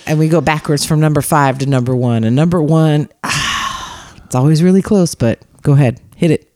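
Casual co-host, woman, playful and quick to laugh, dry close-mic home studio sound. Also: low voice, darkish tone, dry recording. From California. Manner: playful, laughs often, does silly voices. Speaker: podcast co-host. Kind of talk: casual chat. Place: home studio living room.

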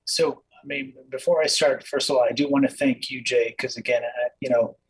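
A man who grew up in Kenya talks as a guest over a video call, earnest and reflective, pausing often on fillers. His voice is husky at a middle pitch. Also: fairly even intonation, rough recording. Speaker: dentist, interview guest. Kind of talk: casual interview.

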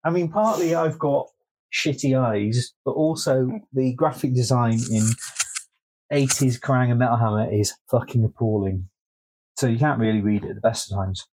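Man, podcast co-host, husky voice, wry and sweary, casual chat. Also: mid-range voice, moderate pace, darkish tone, poor audio. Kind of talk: casual chat, reading segment notes.

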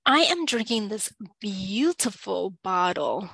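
A woman co-hosting a casual book chat podcast, playful and effusive, her voice rising loud and dropping soft as she talks. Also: mid-range voice, animated, slow pace, creaky, rough recording. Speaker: podcast co-host.

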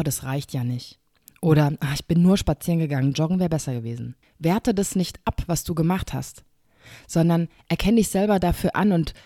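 A woman's voice: lowish voice, no room sound, clean studio sound. A woman hosting a podcast, talking straight to the listener in a reassuring, encouraging way. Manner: warm, reassuring direct address. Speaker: podcast host. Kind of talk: encouraging self-help talk.

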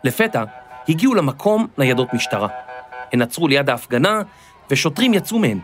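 A man narrating a children's story in a lively, expressive scripted reading. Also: medium pitch, faint music behind, some chatter behind.

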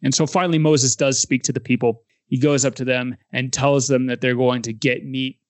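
A man's voice: mid-range voice, level tone, normal speed, no echo. A man co-hosting a casual Bible discussion podcast, animatedly retelling passages and acting out quoted lines. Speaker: podcast co-host.

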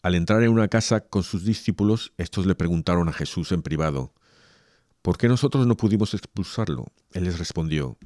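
Recorded dry with studio quality, a low-voiced, slightly mellow man reads from the Gospel and then moves into casual religious chat as a co-host. He speaks fairly quickly, hesitating, restarting, and laughing while he talks.

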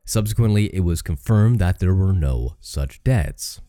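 A man hosts a true-crime podcast, reading case notes in a relaxed, casual way and tossing in jokey asides. His voice sits very low and sounds warm and mellow. The recording is dry and close, with faint music underneath. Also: measured pace, dry recording. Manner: reads case notes, then adds joking asides; swears casually. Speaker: podcast host.

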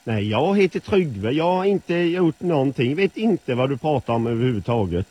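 A man voicing his male hunting dog as a dim creature who sulkily denies doing anything wrong, with music playing loudly behind him. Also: mid-range voice, very animated, lo-fi sound. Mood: sulky.

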